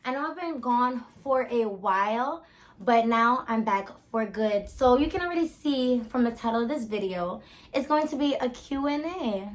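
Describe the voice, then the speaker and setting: A 21-year-old vlogger from the Bronx, New York, chats casually through a Q and A, rambling with lots of fillers. Her voice is a little high with lively intonation, and she speaks at a moderate pace.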